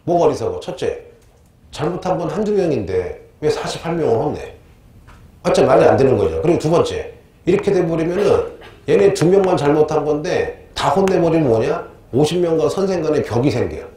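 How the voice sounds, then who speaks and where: A middle-aged male history teacher giving a lively lecture, quizzing his students with call-and-response questions. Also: on the high side, brisk. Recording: echoey room, faint noise.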